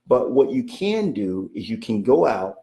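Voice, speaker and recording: A man's voice: mid-range voice, sing-song, unhurried, dark tone, roomy sound. A man giving a motivational coaching talk, emphatic and repetitive, often checking in with "okay?" and speaking of God in a preacherly way. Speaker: real estate coach.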